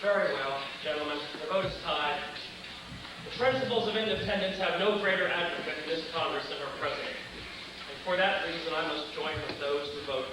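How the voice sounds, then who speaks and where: A man's voice: a little high, brisk, lightly acted. An actor playing the formal, authoritative president of a colonial congress, a statesman chairing in period film style. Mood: exasperated, solemn. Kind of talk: theatrical period film dialogue. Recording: echoey chamber, distant mic, noisy ambience.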